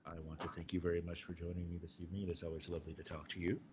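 Man, very low pitch, podcast host, polite formal measured phrasing, muffled lo-fi sound, noticeable noise. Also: flat delivery. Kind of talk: conversational interview hosting. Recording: dull lo-fi audio, clear background noise.

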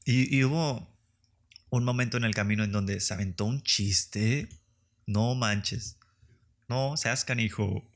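A young Mexican man telling stories on his podcast in a loose, profane comic monologue. His voice sits in an ordinary middle pitch, and he keeps jumping into put-on voices for the people he quotes. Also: takes it slowly. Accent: Mexican Spanish. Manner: slangy, profane, animated storytelling with put-on voices. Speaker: podcast host. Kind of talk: casual comedic monologue.

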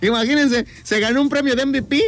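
Man, Mexican accent, high-pitched, slangy, joking, reading chat comments, faint music. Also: steady tone, fast, a bit bright. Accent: Mexican Spanish. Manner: joking, slangy, reads names aloud. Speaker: co-host reading viewer comments. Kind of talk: casual livestream chat.

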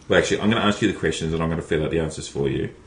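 A man's voice: very deep voice, very fast, slight background noise. A man hosting a casual podcast, rambling with lots of restarts and fillers. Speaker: podcast host. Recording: echoey room, faint ambience.

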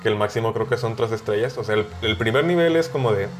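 A man's voice: fairly low pitch, quick pace. A young man with a Mexican Spanish accent, chatting casually, chiming in with questions and jokes, full of slang. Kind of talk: casual chat.

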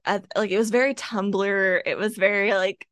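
A woman's voice: medium pitch, steady tone, moderate pace, fairly bright tone, no room sound. Brief: woman podcast co-host, casual book chat, dry close sound. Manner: chatty, lots of "like" and "kinda". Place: home, with her cat nearby.

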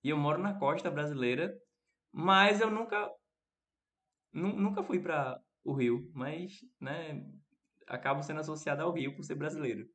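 His voice on the high side and a bit bright, a man from Recife teaches an interactive online class live, speaking in a northeastern Brazilian accent. He is chatty and questioning, greets viewers by name, and reads and answers their chat messages.

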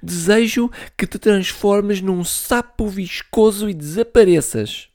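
A man voicing a young boy mouse, a bossy big brother playing magician, loud and excitable. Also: high voice, takes it slowly, voice pushed up. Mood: angry.

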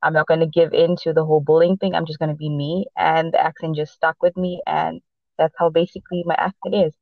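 A podcast co-host on a casual sports show, this woman speaks Portuguese as her first language and has a mixed accent shaped by Portuguese, South African, and American influences from growing up in Boston, Los Angeles, and South Africa. Her voice sits low and gravelly with a level tone, and she halts and restarts with many fillers. The recording is dry, dull, and lo-fi.

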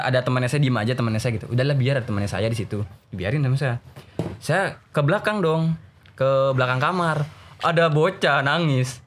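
A young man who teaches at a religious boarding school, telling a story in casual chat and acting out his students' voices. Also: slight background noise. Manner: animated, acts out voices of students in a raised pitch.

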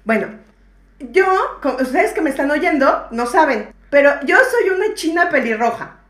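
A woman's voice: sits high, lively intonation, moderate pace, fairly bright tone, reverberant. A woman with a Mexican accent, co-hosting a casual book chat, slangy and laughing often. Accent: Mexican Spanish. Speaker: podcast co-host. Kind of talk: casual chat about books.

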